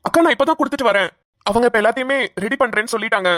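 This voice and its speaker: A woman voicing a kind young man who gently comforts his family in a cartoon. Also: a little high, very fast, dry recording, studio quality, close to an everyday voice. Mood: earnest.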